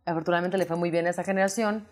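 A Mexican woman in her thirties talks as a guest on an interview show. She tells her stories with energy, slipping into quick acted-out quotes of the people in them. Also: fairly low pitch. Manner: lively anecdotes with acted-out quotes. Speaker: interview guest, singer and actress. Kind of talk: casual storytelling interview.

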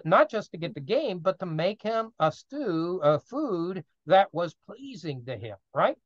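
A man teaching a casual Bible study class, reading scripture aloud and acting out the characters in lively asides. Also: a little high, no room sound, highs cut off. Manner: animated, reads scripture aloud and acts out the characters with laughs.

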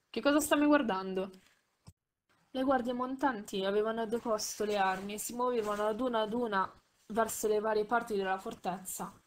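A woman with a medium-pitched voice reads a novel aloud as an audiobook reader. Her delivery is measured, with small slips that she occasionally corrects.

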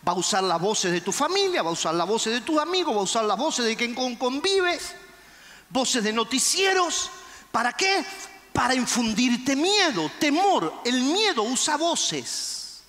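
A male pastor preaching a fervent sermon, shouting and acting out the quotes. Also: very high-pitched, sing-song, unhurried, big-room sound. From Argentina.

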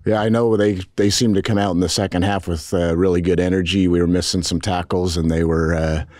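A middle-aged man answering reporters as head coach at a post-game press conference, measured and frank, with many restarts and fillers. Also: low-pitched, level tone, a little mellow, no echo, clean studio sound. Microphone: table mics in front.

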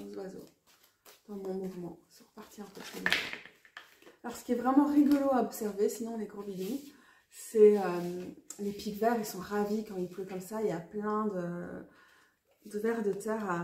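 A woman's voice: mid-range voice, warm tone, echoey room. A woman with a French accent, chatting casually to camera about tarot, self-mocking and often laughing. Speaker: tarot vlogger. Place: outdoors near a garden with birds.

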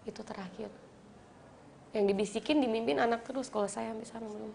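Brief: woman guest, thirties, gravelly and soft, reflective storyteller. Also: on the high side, steady tone, fast, slight background noise. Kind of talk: casual chat.

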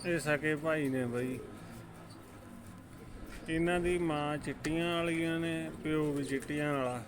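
A man's voice: on the high side, fairly even intonation, unhurried. A man with a Punjabi accent giving casual, informal running commentary as a pigeon-keeping vlogger, often addressing viewers as brothers. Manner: informal, calls viewers brother, banters with helpers. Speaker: pigeon keeper and vlog host. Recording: clear background noise, cooing pigeons. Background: pigeons cooing.

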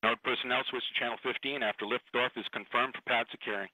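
Man over walkie-talkie, sharp and husky. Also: medium pitch, fairly even intonation, fast, no echo, poor audio. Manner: clipped, terse roll-call delivery. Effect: heard over a walkie-talkie comms loop. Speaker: launch conductor. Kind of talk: countdown status poll.

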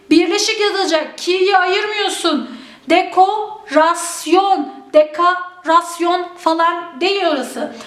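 High-voiced woman teacher, slow and deliberate. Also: fairly bright tone. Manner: drills words slowly, stretching them out; addresses students directly, checks in often. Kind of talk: exam-prep spelling lesson. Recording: echoey room.

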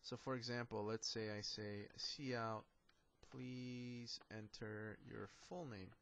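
A man's voice: medium pitch, fairly even intonation, takes it slowly, fairly bright tone, slight background noise. A man giving a casual programming lecture, joking now and then and talking through code as he writes it. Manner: casual, joking, talks while writing code. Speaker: programming instructor. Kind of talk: classroom lecture.

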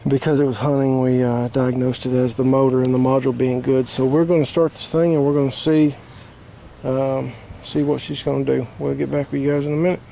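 In a low-quality recording with a little hiss or hum, a man with a mid-range, mellow voice and some vocal fry talks briskly with little pitch movement. He's an HVAC technician outdoors beside an AC unit, casually walking through a repair step by step with lots of fillers.

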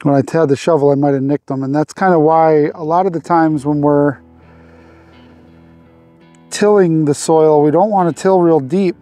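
A man in his forties hosts a homesteading vlog, talking through a farm task in a relaxed, unhurried way with plenty of fillers. His voice is mellow and a touch high, picked up dry on a lapel mic out in an open field. Soft music plays faintly behind him. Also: dry recording. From Arkansas. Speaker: homesteading channel host. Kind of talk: casual instructional vlog.

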